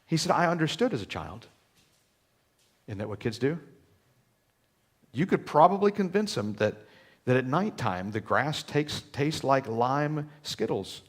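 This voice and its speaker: A man preaching a sermon in a church, folksy and animated, acting out little quoted voices and repeating words as he starts a thought. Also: medium pitch, unhurried, long pauses. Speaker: pastor. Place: church sanctuary.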